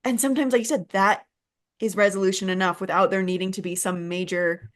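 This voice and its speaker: A woman's voice: medium pitch, fairly even intonation, brisk. Woman, interview host, enthusiastic, affirming, reflective, conversational. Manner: enthusiastic, affirming, thinks aloud.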